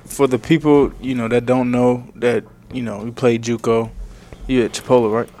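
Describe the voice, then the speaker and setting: A man co-hosts a relaxed sports interview, his pitch in the middle but barely moving. He asks his questions in an unhurried way. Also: a little hiss or hum. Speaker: podcast co-host. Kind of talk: casual interview.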